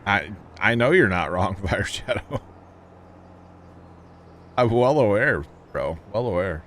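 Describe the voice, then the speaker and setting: A livestream gamer chats casually with his viewers while he plays, telling rambling, jokey stories and chuckling often. His lowish voice is animated and a bit bright, though his pace is slow. Slight background noise is present.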